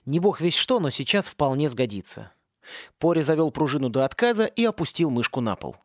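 A man narrating a satirical fantasy audiobook with a lively, expressive reading. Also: fairly high pitch, brisk, dry recording, studio quality. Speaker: audiobook reader.

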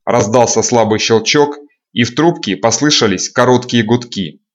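Man narrating a dark audiobook. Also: medium pitch, moderate pace, dull audio.

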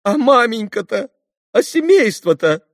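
A frantic begging old army captain, very high. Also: male voice, animated, moderate pace, slightly rough, dry recording, clean studio sound, full character voice. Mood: pleading. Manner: frantic, imploring. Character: desperate poor male army captain, pleading.

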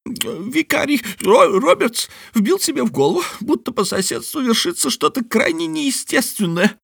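A man voicing a small, frantic male bat who chatters in a squeaky, breathless, excitable way. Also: normal speed, gravelly, no echo, clean studio sound, heavily acted. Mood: gossiping. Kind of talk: audiobook character voice.

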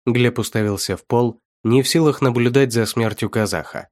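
A man reading a dark fantasy story aloud as narrator, steady and measured. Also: mid-range voice, no room sound, studio quality. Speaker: audiobook narrator. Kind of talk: scripted narration.

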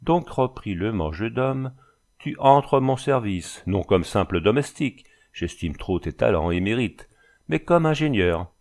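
A man's voice: on the low side, lively intonation, measured pace, a little mellow. A man reading a storybook voices a tall, cold bandit chief with a Flemish accent, speaking in a smiling, sing-song, commanding way. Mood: coolly threatening.

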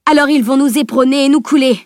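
A woman's voice: high-pitched, fast talker, dry recording, clean studio sound, pitched above the performer's own voice, natural voice. A woman reading the lines of a grumbling male ship captain in an audiobook. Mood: grim. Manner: gloomy, cursing.

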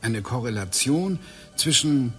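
In a radio drama, a male actor plays a brooding man obsessed with physics, musing and explaining in a thoughtful mood. His mid-range voice is animated and slow, sometimes drifting into whispers, with soft background music behind him.

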